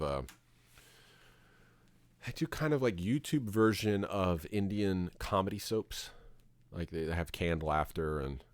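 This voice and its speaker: A middle-aged man from Florida talks loosely over a game stream, stopping and restarting his thoughts as he goes. His voice sits very low, and the sound is dry and close. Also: darkish tone, dry recording. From Florida, USA. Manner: rambling, with many restarts and fillers. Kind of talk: casual chat while gaming.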